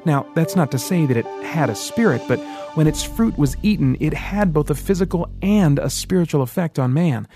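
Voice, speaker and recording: A man voicing Rand, a calm mentor who explains secrets in measured, mysterious tones, in an audiobook. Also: fairly high pitch, over music, voice pushed up.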